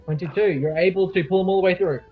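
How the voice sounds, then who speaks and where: A man with a fairly high voice runs a tabletop game. He narrates casually, improvising as he goes with some hesitation. The recording is a bit dull, with faint music behind him. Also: quick pace. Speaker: game master. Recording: dull lo-fi audio, music underneath.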